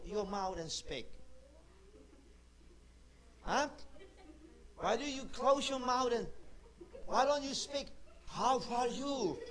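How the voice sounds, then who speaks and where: Leading a children's Bible class, a middle-aged man with a notably high, slightly bright voice repeats the same question over and over, coaxing the kids to answer. He speaks heavily accented non-native English, slowly and unhurriedly.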